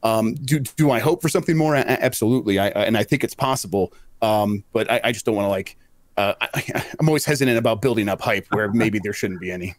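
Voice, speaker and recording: A man chats rapidly as a podcast guest, tripping over his words and restarting often. His voice sounds dry and close to the mic. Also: lowish voice, no room sound. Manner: hesitant, stammering restarts. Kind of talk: casual podcast chat.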